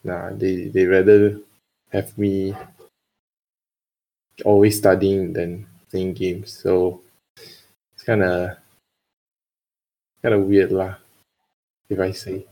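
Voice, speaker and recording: Young Singaporean male guest, lowish voice, unhurried hesitant Singlish, casual. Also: little pitch movement, vocal fry, lo-fi sound. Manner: colloquial Singlish, hesitant and hedging. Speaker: podcast guest. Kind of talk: casual chat.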